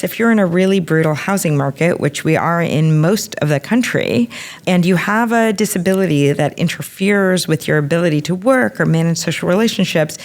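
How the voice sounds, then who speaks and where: A woman physician explaining things in a measured, careful way during an expert interview. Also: deep voice.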